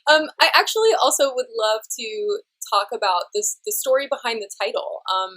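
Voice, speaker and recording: Brief: upbeat American woman host, slightly high voice, eager and chatty with guests. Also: animated, a little fast, a bit bright. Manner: bubbly, enthusiastic, laughs often. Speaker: interview host. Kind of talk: casual interview chat.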